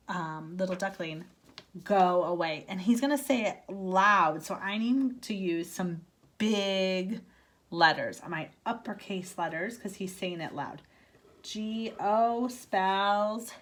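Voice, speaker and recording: A woman gives a writing lesson for young children, filmed on a phone at home. She speaks slowly and patiently, in a slightly low voice. She sounds out words letter by letter. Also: a bit bright. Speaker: teacher. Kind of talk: early-grades writing lesson.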